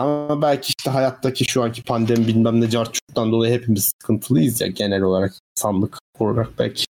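A man's voice: mid-range voice, a little mellow. A young man co-hosting a podcast, chatting casually and rambling with lots of filler words. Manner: rambling, heavy use of fillers like "hani" and "falan". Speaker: podcast co-host. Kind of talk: casual chat.

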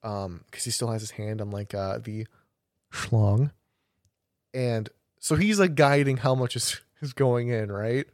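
A man's voice: mid-range voice, a little slow, no room sound, clean studio sound. Rambling young man telling a story. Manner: rambling storyteller, many restarts and laughing fits. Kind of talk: casual chat.

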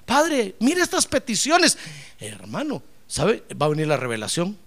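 A man preaching a lively sermon as pastor, acting out little dialogues and swinging from loud to soft. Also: high-pitched, normal speed, vocal fry.

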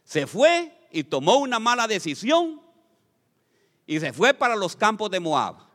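A pastor from Honduras delivers a sermon in a fairly high, swooping voice, calling out to his congregation and slipping in jokes. His voice rings through a reverberant church hall. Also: measured pace. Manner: animated, calls out to the congregation, joking asides.

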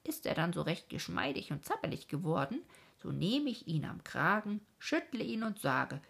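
A woman voicing a cruel, gleeful bad dream spirit in a storybook reading, with a low, breathy voice. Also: big pitch swings, normal speed, full character voice. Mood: gloating.

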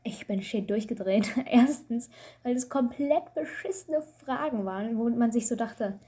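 A woman's voice: fairly high pitch, unhurried, dark tone, breathy edge. A woman, a student, chatting casually over a call and telling rambling, self-mocking stories with lots of fillers.

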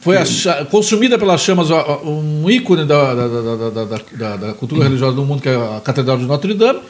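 A man's voice: fairly high pitch, fairly quick. A man hosting a political talk show, jumping in and restarting his sentences as he talks. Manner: lively, jumps in, stumbles and restarts while speaking.

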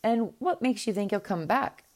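A woman's voice: medium pitch, expressive, moderate pace, voice pushed up, lightly acted. A woman voicing a group of spiteful young princess sisters with a sly, condescending manner.

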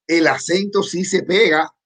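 A man from Cuba co-hosting a casual livestream, talking to the viewers in a lively way. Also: high voice, a little slow. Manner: lively, addresses viewers as "señores". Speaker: co-host. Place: in Miami.

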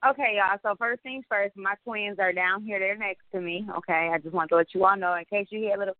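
A woman's voice: medium pitch, fast, no room sound. A woman hosting a podcast in casual, conversational chat. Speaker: podcast host. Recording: dry, thin phone-line sound.

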